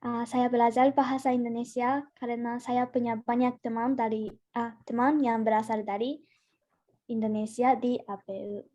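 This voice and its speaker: A young woman of twenty with a high, soft-edged voice. She is a native Japanese speaker with a Japanese accent, a foreigner speaking Indonesian in a prepared student presentation, careful and often restarting words. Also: flat delivery, moderate pace, muffled recording. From Gifu, Japan. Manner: careful learner's delivery, repeating and restarting words.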